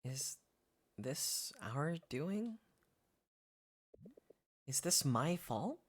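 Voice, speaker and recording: A woman reading a grief-stricken young man's lines in a hushed, halting, pleading voice. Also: low voice, sing-song, slightly rough, full character voice. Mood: hushed despair.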